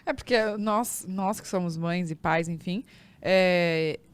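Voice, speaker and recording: A woman hosting a casual podcast chat, relaxed and agreeable, asking follow-up questions. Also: fairly low pitch, slow pace, clean tone, no echo. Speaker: podcast host.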